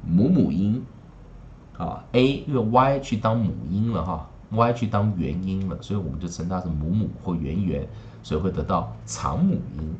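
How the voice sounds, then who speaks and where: A man teaching English phonics in Taiwanese-accented Mandarin, with chatty asides and drilling each word slowly three times. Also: low voice, animated, darkish tone, a little hiss or hum. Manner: chatty asides with tag particles. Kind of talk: recorded phonics lesson. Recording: slightly dull lo-fi recording.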